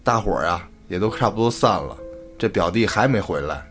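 Brief: laid-back male podcast storyteller, low voice, soft music under. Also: brisk. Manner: colloquial, relaxed, casual swearing. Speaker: podcast host. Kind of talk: storytelling narration.

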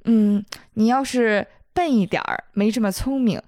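A woman's voice: a little high, normal speed, a little mellow, no room sound, studio quality. A woman guest on a podcast chatting casually and expressively about a TV drama, often breaking into laughter as she gushes over scenes. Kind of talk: casual chat.

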